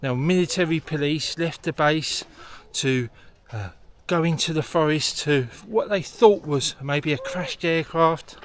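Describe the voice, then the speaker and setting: A man hosting a vlog and explaining things as he goes, recorded outdoors in a forest. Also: a little high. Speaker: host. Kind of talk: explanatory vlog narration on location. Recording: noisy outdoor location sound.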